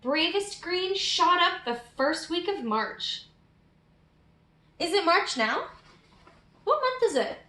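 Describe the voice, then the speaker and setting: A woman with an extremely high, bright and forceful voice reads a picture book in a sing-song manner, taking it slowly with long pauses. She engages young children by asking them questions, and the sound is roomy and echoey.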